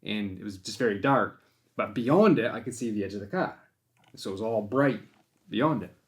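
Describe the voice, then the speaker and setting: Speaking at a normal speed with an animated, lowish voice, this deer hunter from Maine rambles through a hunting story on his laid-back podcast. He keeps starting over and plays out what he was thinking at the time.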